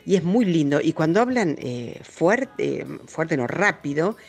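A woman's voice: low-pitched, very animated, measured pace, a little mellow. A woman, a musician and music educator answering interview questions in an earnest, explaining way.

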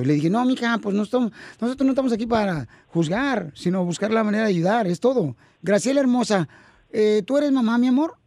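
A man's voice: high voice, mellow, no echo, studio quality. A man hosting a call-in radio show, casual and affectionate, calling people sweet names. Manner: affectionate, calls people "mi amor" and "hermosa".

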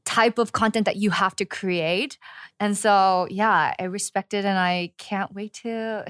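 A Los Angeles podcast host chats enthusiastically with her guest, sprinkling her speech with casual "like"s. Her mid-range voice is smooth and a bit bright, fairly even in intonation and a little slow. The studio-quality recording has no echo.

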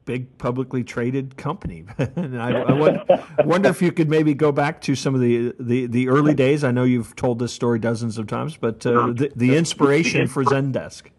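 A man's voice: medium pitch, moderate pace, a little mellow, breathy edge. A man hosting a podcast interview, chatting casually, laughing often and stumbling over his words. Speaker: podcast host.

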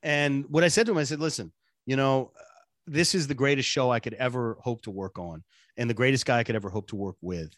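A man's voice: mid-range voice, a little fast, a bit bright, no room sound, clean studio sound. A man from Boston, a radio producer and sidekick, telling his story in an earnest, chatty interview with self-deprecating asides. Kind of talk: casual interview chat.

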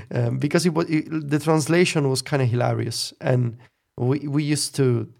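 Gravelly man musing wryly. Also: medium pitch, fairly even intonation, measured pace, darkish tone. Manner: musing, opinionated, wry laughter. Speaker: podcast co-host. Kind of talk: casual chat.

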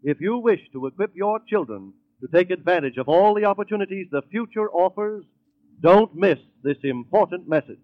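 High-pitched, formal American radio announcer man. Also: expressive, moderate pace. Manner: formal, declamatory. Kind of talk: 1940s-50s radio announcing, scripted. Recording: dull old radio recording with music.

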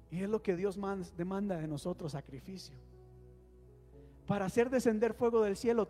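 This man speaks in a high-pitched voice with a darkish tone as he preaches as pastor in a church hall. He calls on the congregation to respond and guides them in prayer, while long reverb and faint music fill the recording.

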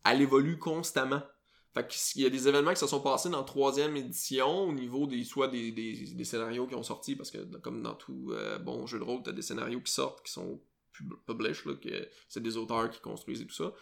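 A man with a Quebec French accent hosts a casual podcast chat, wandering through his explanations with frequent fillers and restarts. His voice has a gravelly, creaky edge. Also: mid-range voice, fairly even intonation, brisk. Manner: rambling, lots of fillers and self-corrections. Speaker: podcast host.

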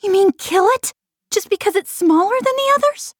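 A woman's voice: very high voice, expressive, normal speed, dry recording, clean studio sound. A woman playing an impassioned, pleading eight-year-old farm girl in a full-cast audiobook. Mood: shocked.

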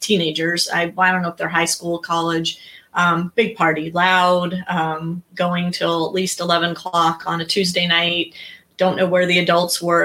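Flat-toned woman hosting an interview. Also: on the low side. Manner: chatty, many "um" pauses. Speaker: interview host. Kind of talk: casual interview.

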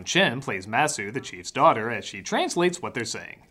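A man's voice: mid-range voice, very animated, normal speed, music in the background. A man giving a sarcastic comedic film review, jumping into exaggerated mock voices.

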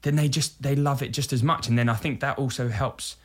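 A British man in his thirties, a musical theatre actor, appears as a podcast guest and talks candidly about himself, earnest and reflective, sometimes quoting his own words. His voice sits in the mid-range with fairly even intonation, and he speaks a little fast.

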